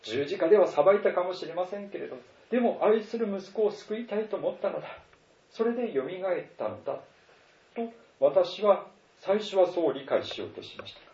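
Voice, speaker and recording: Male pastor, earnest sermon, somewhat high voice, warm dark tone, distant mic, echoey church hall. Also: fairly quick. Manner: earnest, animated preaching. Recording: roomy, distant, dull sound.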